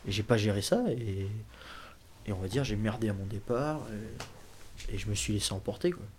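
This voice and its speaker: Talking a little fast in a fairly low voice over some background noise, this young Frenchman of nineteen shares his story. He's a junior BMX racer guesting on a casual interview, rambling with frequent fillers and restarts.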